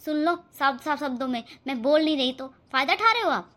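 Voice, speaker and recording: A woman's voice: high voice, expressive, fairly quick, fairly bright tone. A woman voicing a young married woman in a cartoon, hurt and pleading. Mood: defiant. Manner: pleading, tearful. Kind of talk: cartoon voice acting.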